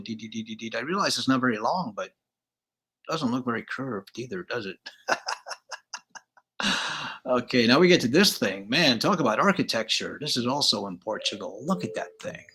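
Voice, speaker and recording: A man's voice: mid-range voice, very animated, a little fast, a bit bright, slightly rough. An older man from Galicia, Spain, hosting a casual, rambling slideshow commentary, opinionated and laid-back. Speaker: channel host.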